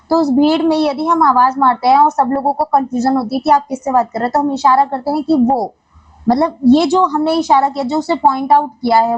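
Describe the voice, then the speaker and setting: A woman teacher giving an exam-prep lecture, explaining step by step with frequent filler pauses. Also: high-pitched, lo-fi sound. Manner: explains step by step with Hindi-English term pairs.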